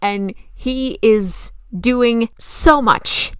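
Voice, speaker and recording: A woman's voice: on the high side, very slow, clean tone, no room sound. A woman giving enthusiastic, conversational film commentary in an emphatic, gushing and casually opinionated way. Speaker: video essayist and film commentator.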